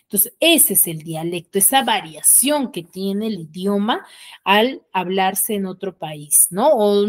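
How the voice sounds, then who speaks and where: Peruvian woman teaching an online class. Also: mid-range voice. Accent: Peruvian Spanish. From Peru. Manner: explanatory, ends phrases with tag questions. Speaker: school teacher.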